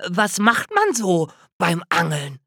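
A man doing an excited little squirrel. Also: high voice, slow, no echo, clean studio sound, voice pushed up, heavily acted. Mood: eager. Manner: excitable, bright questioning. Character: curious eager little male squirrel. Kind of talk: children's storybook reading.

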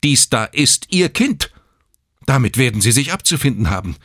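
A man's voice: medium pitch, wildly swooping pitch, normal speed, fairly bright tone, breathy edge, dry recording, studio quality, pitched above the performer's own voice, exaggerated voice. A man voicing a stern, strict female hospital nurse, in a storybook reading. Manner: stern, firm.

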